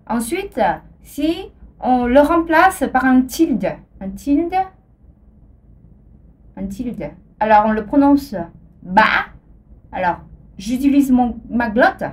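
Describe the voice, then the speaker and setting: Slow, deliberate woman teaching a lesson. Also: sits high. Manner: slow, deliberate, repeats each example. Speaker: language teacher. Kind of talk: scripted language lesson.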